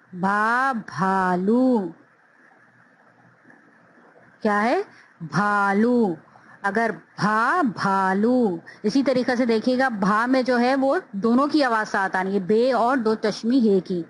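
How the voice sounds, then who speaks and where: A woman's voice: on the high side, unhurried, low-quality recording. A woman teaching a phonics lesson, drawing out each syllable with careful enunciation.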